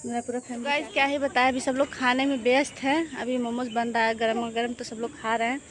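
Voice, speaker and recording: A woman's voice: on the high side, little pitch movement, fast talker. Chatty woman vlogger, Bhojpuri-tinged Hindi. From eastern Uttar Pradesh, India. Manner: chatty, repeats "what to say" often. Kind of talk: casual vlog chat. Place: outdoors at a village home.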